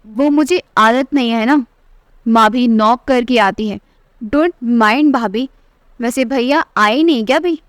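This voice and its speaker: A woman's voice: fairly high pitch, unhurried, clear, resonant tone, no room sound, clean studio sound, lightly acted. A woman voicing a spoiled, fashion-obsessed young sister-in-law who taunts with condescension. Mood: taunting.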